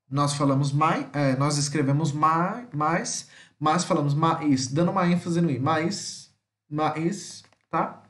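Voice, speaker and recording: A male teacher with a Brazilian Portuguese accent giving an online vocabulary lesson, drawing out example words slowly and checking in with his students often. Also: on the high side, fairly bright tone. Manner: slow drawn-out model pronunciations between chatty explanations; keeps checking in with "tá?". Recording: echoey room.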